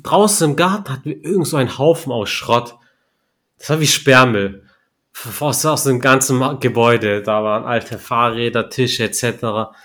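A young man telling a story in relaxed podcast chat, slangy and laughing at his own punchlines. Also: mid-range voice. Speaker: podcast co-host. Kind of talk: casual storytelling.

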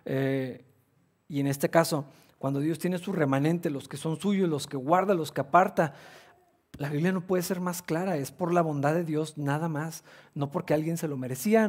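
A man's voice: on the high side, darkish tone. A man preaching a sermon in an earnest way, restarting phrases often and stressing words by repeating them. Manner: earnest, repetitive, with frequent restarts and fillers. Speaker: pastor.

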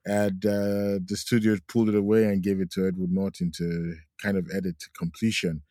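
A man's voice: deep voice, little pitch movement, a little fast, mellow, dry recording, studio quality. A man co-hosting a movie podcast, telling stories in a rambling way with lots of fillers. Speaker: podcast co-host. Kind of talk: casual chat.

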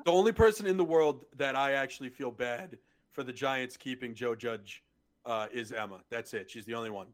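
A man's voice: medium pitch, moderate pace. A man co-hosting a podcast, blunt and joking, moving between casual sports talk and sponsor reads. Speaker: podcast co-host.

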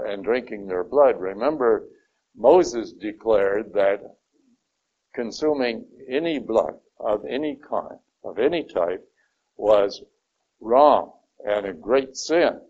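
Slow, deliberate low-voiced man teaching. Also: a little mellow. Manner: slow, deliberate, stresses key words. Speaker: Bible study teacher. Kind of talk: Bible study lesson. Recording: dull lo-fi recording.

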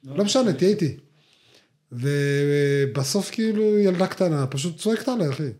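A man's voice: a little high, expressive, a little mellow. A young man, co-hosting a podcast and telling stories in casual slang, full of fillers and restarts. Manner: slangy, rambling storytelling with many fillers. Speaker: podcast co-host. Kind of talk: casual chat.

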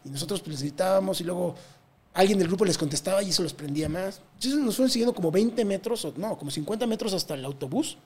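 A man with a Mexican accent telling a touring story in a casual interview, animated and full of slang and swearing. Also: high voice, fast, slightly rough. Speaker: touring musician guest.

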